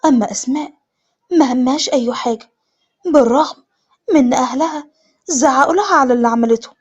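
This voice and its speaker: امرأة تحكي قصة بلهجة مصرية وبأسلوب حيوي معبّر. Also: female voice, high-pitched, quick pace, husky, highs cut off. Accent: Egyptian. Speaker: storyteller. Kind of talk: story narration.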